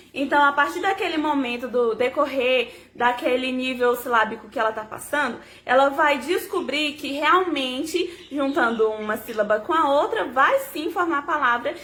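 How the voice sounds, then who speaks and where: A young woman with a high, bright voice explains to parents how to teach a child to read. She talks in a patient, casual tutorial style, slowing down to sound out each syllable. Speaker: educator giving parenting tips.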